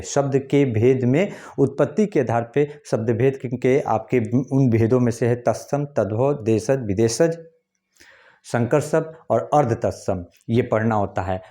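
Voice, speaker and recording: Speaking warmly at a medium pitch, this man runs an exam-prep lesson, going over key points again and breaking words into syllables. He treats the viewers as friends and keeps pressing them to focus.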